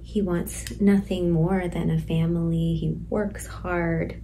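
A woman voicing a tender pregnant teenage girl in detention, talking slowly and softly, now and then dropping to a whisper. Her voice is low and mellow. A faint hiss sits behind her. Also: rough recording. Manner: soft, slow, some lines whispered. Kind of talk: stage monologue, letter to her unborn baby.

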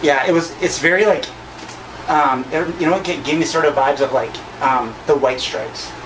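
A man's voice: on the high side, moderate pace, far from the mic, background noise. A man from the United States, a drag queen, giving casual reaction commentary with slangy, approving banter. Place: small decorated studio, indoors. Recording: music playing over the talk.

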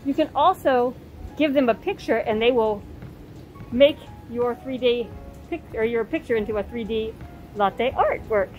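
A woman in her forties, a vlog host, chatting excitedly into a close-held phone camera in a small quiet cafe. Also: on the high side, unhurried, low-quality recording. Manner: bubbly and gushing, excitable. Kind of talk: casual travel vlog. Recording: loud music behind the voice.

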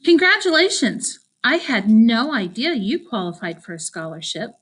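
A competitive teenage girl with a sweetly mocking, sing-song edge to her words, as a woman narrator puts her on. She needles the people around her, pitched a touch above the reader's own voice. Told as an audiobook. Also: very animated, normal speed, breathy edge. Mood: needling.

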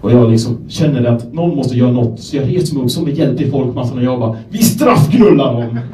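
A young Swedish man from Gävle doing a stand-up set, telling self-deprecating stories in a deadpan way and acting out the people in them. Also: medium pitch, very noisy. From Sweden, Gävle. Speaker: stand-up comedian. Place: comedy club stage. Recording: echoey club room, voice from a distance.

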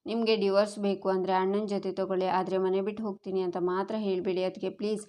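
A woman's voice: medium pitch, little pitch movement, fast, mellow, close to an everyday voice. A woman voicing a tearful young man who pleads with his sister-in-law not to leave, in a read-aloud story recap. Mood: pleading. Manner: pleading, repetitive.

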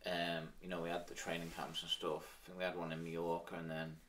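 Manx guy in his thirties, deep voice, casual interview chat, bit far from the mic. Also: monotone, a little fast, fairly bright tone, a little hiss or hum. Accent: Manx, Isle of Man. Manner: informal, with frequent "sort of" and "like". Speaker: interview guest, former professional cyclist.

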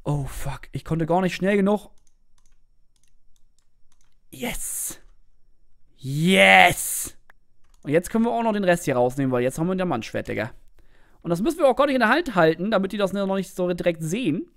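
A young adult gaming creator with a German accent, giving casual gameplay commentary, excitable and swearing while chatting to viewers. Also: medium pitch, fast.

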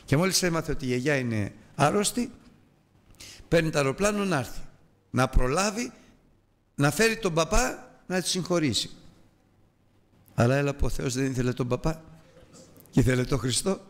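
A man's voice: a little high, long pauses. An older man preaching a Bible lesson, telling a personal story and acting out the voices in it. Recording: long reverb from a large hall.

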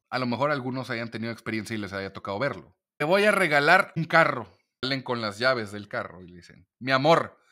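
A man's voice: mid-range voice, bright, forceful tone. A Mexican man, a lawyer, explaining a legal point in a casual monologue video and acting out quoted dialogue as he goes.

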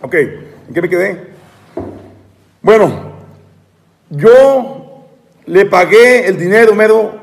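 A man tells an aggrieved story on a live stream, stumbling over repeated words and restarting his sentences. His voice is high for a man. A long hall-like reverb trails behind him. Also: animated, slow, gravelly, pauses often. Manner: repetitive, stammering, aggrieved. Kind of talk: rambling live-stream monologue.

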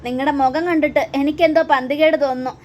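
A woman's voice: high voice, fairly even intonation, quick pace, a little mellow, slight background noise, close to an everyday voice. Woman voicing an angry young man. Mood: accusing. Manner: accusing, demanding.

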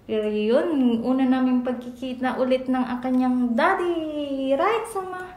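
A woman's voice: sits high, a little slow, a little mellow. A young Filipino woman telling a personal story in a casual, rambling vlog with many restarts. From Philippines. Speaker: vlogger. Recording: echoey room, faint noise.

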